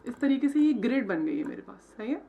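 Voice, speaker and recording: A fairly high, sing-song voice with vocal fry and a mellow quality marks this brisk design tutor, heard through dull audio. Her screen-recorded software tutorial covers logo design step by step, in Hindi peppered with English, with "theek hai" after every step.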